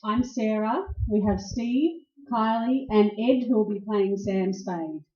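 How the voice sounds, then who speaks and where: At an indoor live venue before an audience, a woman hosts the event, informally introducing a troupe of radio players. Her medium-pitched voice is slow and mellow, and the recording sounds echoey, dull and lo-fi.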